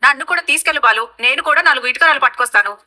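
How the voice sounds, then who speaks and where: Fiery elder sister. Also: female voice, high-pitched, racing, sharp tone. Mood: indignant. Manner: blunt, threatening. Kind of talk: TV serial acting.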